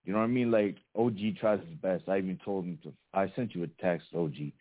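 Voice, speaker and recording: A man's voice: low-pitched, quick pace. An American man in casual, teasing radio banter, swearing freely and repeating himself. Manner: profane, teasing, repetitive. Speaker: radio show co-host. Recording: muffled narrow phone-line sound.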